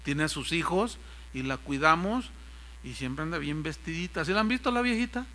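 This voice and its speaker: Mexican pastor preaching, bright high voice. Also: male voice, lively intonation, moderate pace, a little hiss or hum. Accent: Mexican Spanish. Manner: folksy storytelling, mimics voices in anecdotes. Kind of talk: sermon.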